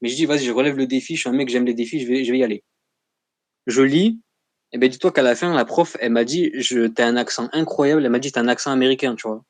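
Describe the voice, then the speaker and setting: A young man who is a guest in a casual chat, speaking in a slangy, chatty and animated way. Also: mid-range voice, fast talker, no room sound. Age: young adult.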